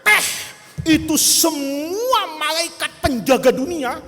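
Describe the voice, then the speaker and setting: Animated high-voiced preacher in a hall. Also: male voice, normal speed. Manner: animated, acts out characters, jokey asides. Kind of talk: humorous sermon storytelling. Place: mosque or hall gathering. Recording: long hall reverb.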